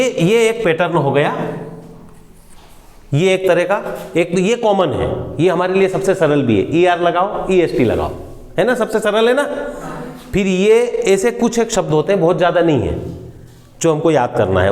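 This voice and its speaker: A man's voice: fairly high pitch, darkish tone. A man teaching an English grammar class to students, asking them questions and repeating words back to them. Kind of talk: classroom lesson explaining grammar. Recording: echoey room with long reverb.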